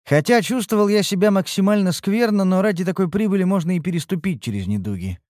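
A man's voice: fast, no room sound, clean studio sound. A man reading a fantasy novel aloud as scripted narration, shifting his voice for the characters' lines. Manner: expressive, shifts pitch for dialogue. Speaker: audiobook narrator.

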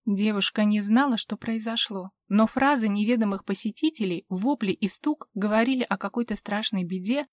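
A woman narrates a dark fantasy audiobook with an expressive, dramatic delivery. Her voice sits at an everyday pitch and sounds dry and close. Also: no echo. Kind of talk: scripted narration.

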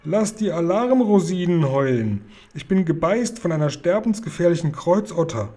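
A man voicing a huge, blustering, cowardly man-eating giant who mangles his words, read from a storybook in a husky, dark voice. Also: lively intonation, moderate pace, close to an everyday voice. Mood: panicked. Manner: booming, mangles words, wails in panic. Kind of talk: storybook reading aloud.

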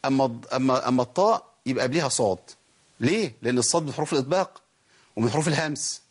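Speaking very fast in a husky, medium-pitched voice, a man with an Egyptian Arabic accent gives a tajweed lesson. He walks through each Quran recitation rule and raises his own questions before answering them.

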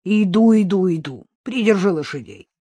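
A woman's voice: medium pitch, lively intonation, moderate pace, dark tone, husky, no room sound. A woman reading the part of a weary young man who mumbles sheepish excuses, in an audiobook. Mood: groggy. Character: weary, fibbing young man, dog's owner.

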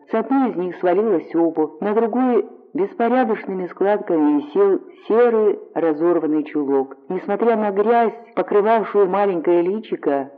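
A man reading a story aloud in a steady, measured narration. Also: sits high. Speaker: audiobook reader. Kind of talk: scripted narration. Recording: narrow phone-like audio.

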